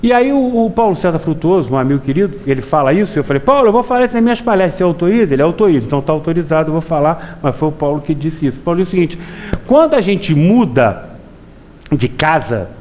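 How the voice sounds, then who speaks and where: A middle-aged man giving a Spiritist public lecture, telling folksy stories and often asking the audience to agree. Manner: lively storytelling with wide pitch swings.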